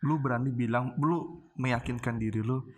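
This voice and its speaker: A man's voice: mid-range voice, moderate pace, a little mellow, slight background noise. A man hosting a podcast, probing and restating his guest's words back to her. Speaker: podcast host. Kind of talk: interview questions.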